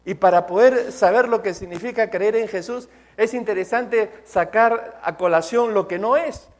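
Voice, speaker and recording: Lively high-voiced male preacher. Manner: emphatic preaching, slows for key phrases. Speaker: pastor. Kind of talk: sermon.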